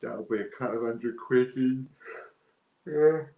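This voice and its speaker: The recording is dull and lo-fi, with a roomy echo and clear noise in the background. On it, a British man of medium pitch and measured pace hosts a giveaway livestream, rambling in chatty, casual, unscripted talk.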